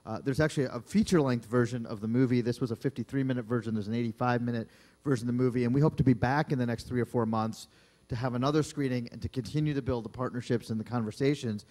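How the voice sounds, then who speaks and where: A man's voice: mid-range voice, quick pace, a little mellow. A man speaking as a documentary filmmaker in a panel discussion on a library auditorium stage, earnest, with frequent restarts and fillers.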